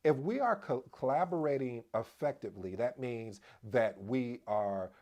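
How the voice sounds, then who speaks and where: A man hosting a casual explainer video on project management, addressing viewers as family, energetic and prone to restarts. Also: mid-range voice, moderate pace. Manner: restarts and repeats himself as he talks. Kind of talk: casual explainer talk to camera.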